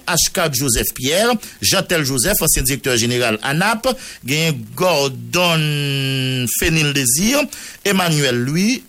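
A man's voice: medium pitch, fairly bright tone, a little hiss or hum. Radio journalist, man, Haitian accent, reads court documents and names, French with Creole mixed in. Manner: mixes Creole into French, reads long name lists. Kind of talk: news commentary, reading a court order.

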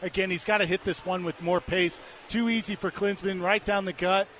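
A man's voice: high voice, fairly even intonation, a little fast, a bit bright. An American man giving conversational, explanatory colour commentary on a live soccer match, with stadium noise behind him.

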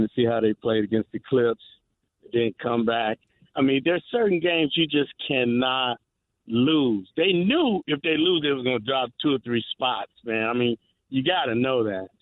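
A man's voice: mid-range voice, animated, unhurried, no echo. A man calling in to a sports radio show over the phone, talking loosely with slang and stammered restarts. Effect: heard over a phone line. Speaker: radio call-in caller. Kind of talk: casual sports call-in chat. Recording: tinny dry phone line.

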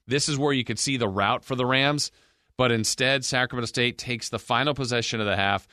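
A man's voice: medium pitch, brisk, sharp tone, no room sound. An American man hosting a sports podcast, giving a conversational, emphatic recap and analysis of football games. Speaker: sports podcast host and game broadcaster.

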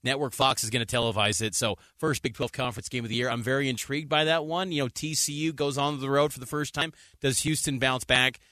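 A man's voice: mid-range voice, steady tone, quick pace, few pauses, sharp tone, no echo, clean studio sound. A man co-hosting a sports podcast, previewing games in an easygoing, jokey way. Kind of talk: casual sports talk.

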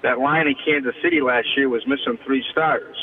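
A man's voice: medium pitch, steady tone, brisk. A man calling in as a team reporter guest on a sports show, giving rambling, hedging answers. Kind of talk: phone-in sports interview. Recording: tinny phone line.

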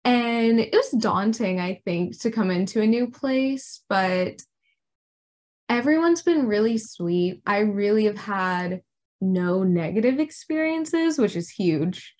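A woman's voice: medium pitch, lively intonation, slow, darkish tone. A young American woman from Arkansas talking casually and chattily in an interview, often saying "like". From Arkansas, United States. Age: young adult. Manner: chatty, informal, frequent "like". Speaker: intern reporter being interviewed.

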